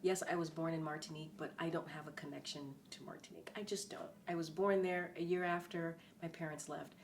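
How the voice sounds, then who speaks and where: A middle-aged woman, a former press secretary, appears as a guest in a conversational interview, earnest and emphatic and often repeating key phrases. Her voice is low and steady and a little fast, with a bit of hiss or hum in the background.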